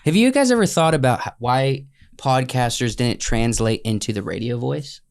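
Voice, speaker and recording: A man's voice: mid-range voice, animated, normal speed, creaky. Playful man co-hosting a podcast. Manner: playful, jokey, slips into mock radio voices. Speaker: podcast co-host. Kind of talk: casual podcast banter.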